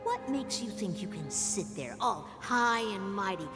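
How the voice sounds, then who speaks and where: A woman playing a brash, lively, mocking young woman. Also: medium pitch, unhurried, natural voice. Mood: scornful challenge. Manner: sarcastic, flippant, challenging. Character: brash, mocking, irreverent young woman defying her confessor. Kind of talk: dramatic game dialogue. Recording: long hall reverb with music behind.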